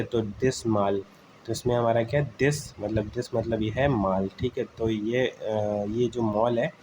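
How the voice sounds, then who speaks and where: A man's voice: on the low side, dull audio, background noise. A man teaching exam vocabulary in a casual lesson, explaining memory tricks, calling listeners friends and checking in often with "okay". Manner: explains words with memory tricks, repeats "theek hai" often; addresses listeners as "friends", frequent "uh" pauses. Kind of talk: informal exam-prep lesson.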